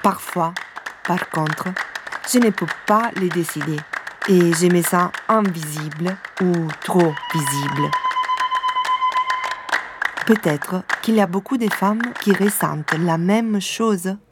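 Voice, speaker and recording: A woman from southern Italy giving calm, measured scripted documentary narration. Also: on the low side, heavy background noise.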